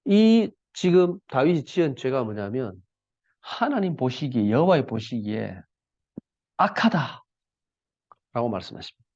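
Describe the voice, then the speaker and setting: A man's voice: mid-range voice, very animated, normal speed, mellow, no echo. A male pastor preaching a sermon in a conversational, colloquial way, often asking the congregation rhetorical questions. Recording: dull lo-fi, dry.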